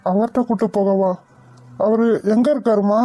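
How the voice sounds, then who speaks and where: A woman voicing a calm, reassuring middle-aged husband in a cartoon. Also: mid-range voice, natural voice. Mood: calm, concerned. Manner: reassuring, measured. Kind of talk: cartoon voice acting.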